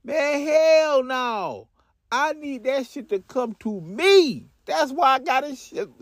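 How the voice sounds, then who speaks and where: A man plays a short-fused young guy who rants in a raised, strained voice. He curses and makes loud demands. The sound is dry and close-miked. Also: very high-pitched, expressive, slow pace, no echo, pitched above the performer's own voice, full character voice. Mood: furious. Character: hot-tempered young man, angry over a late package.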